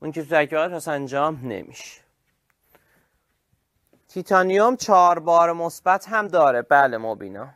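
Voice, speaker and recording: A man teaching an online chemistry class, lively and praising his students by name. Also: a little high, pauses often, no room sound, studio quality.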